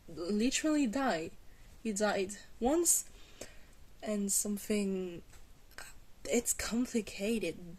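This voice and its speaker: A woman plays an ancient female vampire in an intimate, soft-spoken ASMR roleplay, her pitch in an ordinary middle range for a woman. Gentle, alluring, coaxing and amused, she guides the listener slowly and reassuringly with a faint hesitance, breathy pauses and small chuckles.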